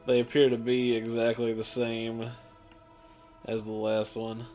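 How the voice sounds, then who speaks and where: A man's voice: medium pitch, completely flat delivery, a little slow, darkish tone, faint music behind. Offhand, rambling male gameplay commentator. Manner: rambling, offhand, lots of fillers. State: tired, hiccuping and yawning. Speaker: gaming channel host.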